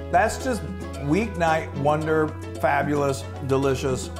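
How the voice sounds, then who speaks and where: A chatty, enthusiastic man walks through a recipe in a casual cooking demonstration. His voice sits a bit high for a man, he often breaks off mid-sentence to start again, and music plays underneath. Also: expressive, takes it slowly. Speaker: cooking show host.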